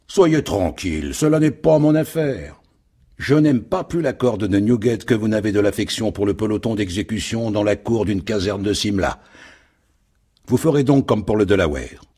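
Scheming shipowner, voiced by a man: metallic, mocking, high and husky, lively delivery. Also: moderate pace. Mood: gloating. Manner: mocking, gloating. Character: greedy scheming middle-aged male shipowner.

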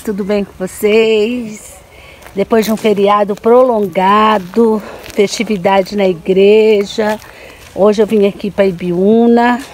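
A woman's voice: medium pitch, darkish tone, slight background noise. A middle-aged Brazilian woman with a cold and sore, swollen throat, chatting affectionately to viewers as she narrates a casual vlog. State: congested voice from a cold and inflamed throat. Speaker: vlogger. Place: outdoors on a construction site.

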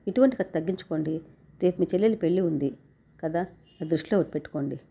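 A woman's voice: lowish voice, fast, creaky, warm tone, breathy edge. Earnest hardworking young wife, read by a woman.

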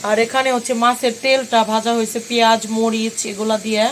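Woman home vlogger, Bangladeshi accent, hoarse with a cold, slightly high voice, chatty, shot on a phone. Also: little pitch movement, brisk, a little hiss or hum. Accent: Bangladeshi Bengali. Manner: chatty, showing food to the camera. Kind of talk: casual home vlog narration.

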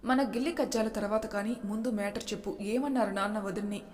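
A woman's voice: mid-range voice, fairly even intonation, fast, a little mellow, lightly acted. A woman voicing a possessive, teasing young husband who is tender underneath, in a storybook reading. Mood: teasing, commanding. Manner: teasing, commanding. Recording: long hall reverb.

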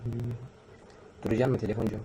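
A man's voice: mid-range voice, steady tone, a little hiss or hum, low-quality recording. A man in his twenties, a live streamer, chatting casually with his viewers and muttering slangy asides to himself as he types. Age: 20s. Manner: fast, slangy, mutters to himself while typing. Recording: loud music playing behind the voice. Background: loud music.

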